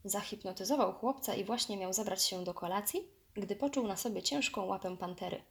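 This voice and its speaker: A woman's voice: mid-range voice, a little fast. Woman reading a children's storybook.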